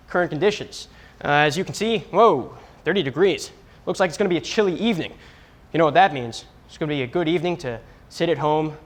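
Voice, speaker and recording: A young man presenting the weather as a stand-in, in a goofy, self-mocking, mock-serious manner. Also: on the high side. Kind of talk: comic weather segment.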